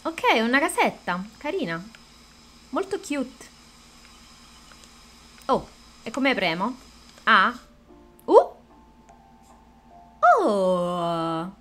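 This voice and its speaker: A woman's voice: fairly high pitch, big pitch swings, drawn-out words, pauses often, a bit bright, faint music behind. A woman chatting casually to her viewers while streaming a game, greeting them and cursing at the controls. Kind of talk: casual live-stream gameplay chat.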